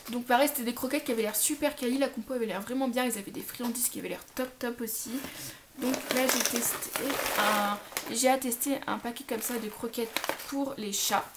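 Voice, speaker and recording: A woman's voice: a little high, fairly quick, very noisy. A young woman casually talking about her pet products in a haul vlog, chatty and full of fillers. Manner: chatty, lots of fillers and restarts. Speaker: pet vlogger.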